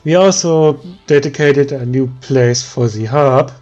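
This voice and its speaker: A man with a German accent giving tired, slow let's play commentary, thinking aloud with many pauses and ums. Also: medium pitch, a little mellow, highs cut off, soft background music. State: tired, yawning. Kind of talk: relaxed gameplay commentary.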